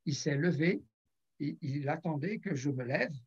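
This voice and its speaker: A pastor in his later years tells a testimony from the pulpit, acting out each exchange and often clearing his throat. His voice sits a little high, gravelly and husky. The recording sounds muffled and lo-fi. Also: expressive, unhurried, darkish tone. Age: older. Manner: storytelling, acts out dialogue, frequent throat clearing. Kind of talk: sermon testimony.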